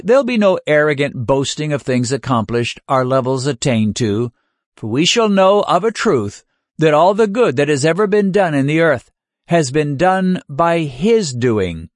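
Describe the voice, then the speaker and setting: A man delivers a sermon with an earnest, searching tone, leaning on rhetorical questions and slowing his words to drive points home. His voice sits a little high for a man. The recording is dry and close, with no room sound. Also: dry recording. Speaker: preacher.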